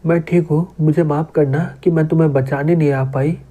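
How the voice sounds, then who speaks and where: A man's voice: fairly high pitch, fairly even intonation, moderate pace, warm tone, close to an everyday voice. A man reading a proud, loyal young cat warrior girl. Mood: caring.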